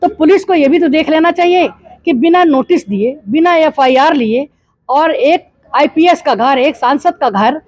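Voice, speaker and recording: A woman's voice: sits high, unhurried, darkish tone, no echo. An older woman from eastern Uttar Pradesh, a politician answering a news reporter's questions with indignant rhetorical questions. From Gorakhpur, eastern Uttar Pradesh, India. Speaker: interviewee, politician. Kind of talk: news interview.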